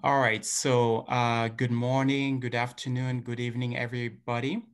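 A man's voice: medium pitch, moderate pace, smooth. A man from Senegal, a tour guide, introducing himself on a video call with many uhs. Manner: flat, steady delivery with many uhs. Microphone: laptop video call.

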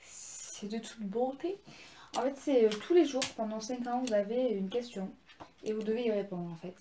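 A woman's voice: fairly high pitch, fairly quick, mellow, echoey room, a little hiss or hum. A young woman casually showing her presents, chatty and gushing, with many fillers and restarts. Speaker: vlogger. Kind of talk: casual haul video.

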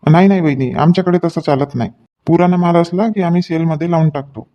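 A man playing a chatty shopkeeper in a comedy sketch, joking with customers while pitching his goods. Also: quick pace, lo-fi sound. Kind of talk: comic sketch acting.

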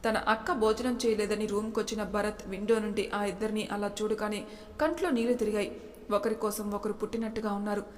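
A woman's voice: medium pitch, flat delivery, fast, a little hiss or hum. Woman narrating a story, echoey room. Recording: echoey room with long reverb.

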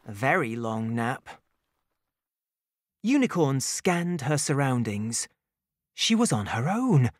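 A woman narrating a children's storybook in a gentle, expressive way. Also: low-pitched, no room sound, studio quality.

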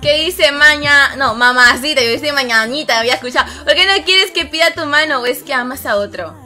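A woman's voice: pushed and bright, soft background music. A young woman chatting casually on a live game stream, greeting viewers by name and reading their comments, her voice a little strained. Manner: ends phrases with a low, drawn-out "hermano". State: voice strained, rough.

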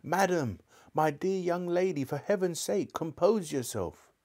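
A man voicing a cowardly older English gentleman magician, trembling, fussy and full of self-pity, in a storybook reading. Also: sits high, animated, unhurried, pitched above the performer's own voice. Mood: panicked pleading. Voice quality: trembling, wailing. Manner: fussy, pleading, self-pitying.

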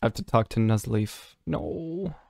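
A man's voice: mid-range voice, moderate pace, dry recording, clean studio sound. A young man hosting a let's play, chatting casually and jokily over the game and reading its lines aloud. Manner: animated, jokey, reads game lines aloud. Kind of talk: casual gameplay commentary.

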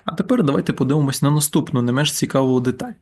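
A man teaching a German grammar lesson over slides, explaining patiently and repeating examples slowly. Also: medium pitch, expressive, a little mellow.

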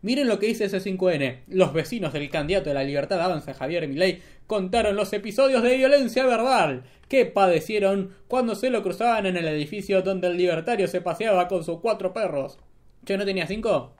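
High-voiced Argentine man mocking the news. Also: lively intonation, fairly quick, a little mellow. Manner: mocking, sarcastic asides. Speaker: host. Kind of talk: political commentary vlog.

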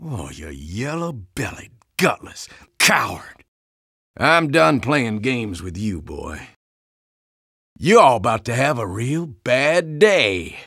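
Silly mismatched parody redub: a swaggering Texan gunslinger, gravelly and slow-drawling, with big swoops of pitch. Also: male voice, very animated, no room sound, clean studio sound, heavily acted. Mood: menacing taunting. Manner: swaggering, taunting, shouted outbursts. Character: cocky, bragging Texan gunslinger engineer, gruff and taunting.

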